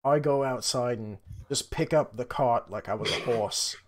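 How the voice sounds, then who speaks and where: A man's voice: medium pitch, moderate pace. A man playing a tabletop game, arguing and bantering playfully in character. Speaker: player.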